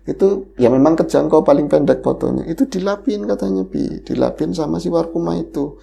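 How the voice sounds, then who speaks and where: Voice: mid-range voice, brisk, creaky, warm tone, a little hiss or hum. A podcast host animatedly retelling a horror story in casual chat, the voice leaping up at the scary moments.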